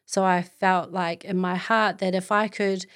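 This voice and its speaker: Māori New Zealand woman, low-pitched motivational host. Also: flat delivery, unhurried, clean tone. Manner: earnest, encouraging. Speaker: podcast host. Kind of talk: motivational personal monologue.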